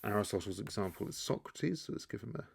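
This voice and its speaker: A man with a low, gravelly voice gives an easygoing explainer lesson. He thinks aloud, doubles back on his words and keeps a loose, teacherly flow as he sketches along. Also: fast talker. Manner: relaxed, thinking aloud, frequent restarts. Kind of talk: explainer lesson while drawing.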